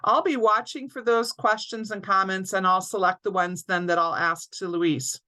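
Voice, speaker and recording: Host, female; crisp bright voice, runs through housekeeping before the interview on a video call. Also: mid-range voice, steady tone, normal speed, poor audio. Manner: clear, orderly housekeeping announcements. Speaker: alumni director, interview host. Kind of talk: scripted webinar introduction. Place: home or office, online webinar.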